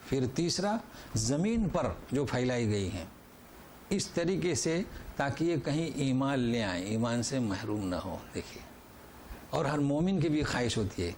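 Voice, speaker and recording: A man teaching a Quran lesson, reciting verses slowly and then explaining them, asking and answering his own questions. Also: mid-range voice, darkish tone, a little hiss or hum. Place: lecture hall.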